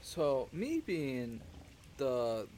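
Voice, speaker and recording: A man's voice: mid-range voice, big pitch swings, extremely slow, darkish tone, a little hiss or hum. Chill guest guy, mid voice that swings around a lot, laughs at himself. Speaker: podcast guest. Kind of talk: casual chat. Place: outdoors.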